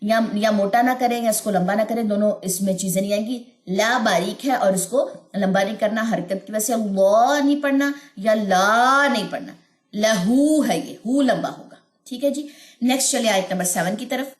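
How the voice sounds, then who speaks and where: A woman teaching tajweed, explaining patiently with repeated points and chanting verses slowly. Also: mid-range voice, reverberant. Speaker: Quran recitation teacher. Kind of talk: tajweed lesson with chanted recitation.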